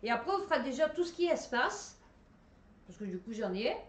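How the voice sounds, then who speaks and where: A woman's voice: high voice, very animated, a little fast, far from the mic. Chatty Marseille woman in a roomy echo. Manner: chatty, many fillers and restarts, reads headlines aloud. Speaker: host reading science news. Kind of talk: casual commentary on news articles.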